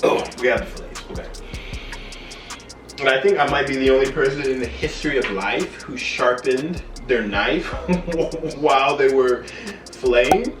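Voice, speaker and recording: A man's voice: medium pitch, normal speed. A tipsy man hosting a home cooking video, chatting casually and loosely, rambling and losing his train of thought. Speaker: home cooking show host. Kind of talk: casual chat to camera while cooking. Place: home kitchen. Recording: roomy echo, distant mic, music behind.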